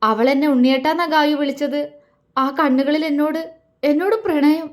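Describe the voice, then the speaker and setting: A woman's voice: high-pitched, normal speed, lightly acted. A woman voicing a grieving young man torn between two loves, pleading and anguished in an audio story. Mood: brooding. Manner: anguished, pleading inner monologue.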